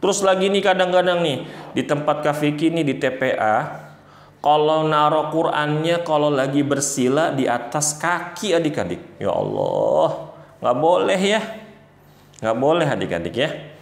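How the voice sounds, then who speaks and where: A man's voice: a little high, normal speed. A man teaching young children about the Quran in a playful way, speaking to them directly and acting out examples. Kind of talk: children's religious lesson. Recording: roomy echo.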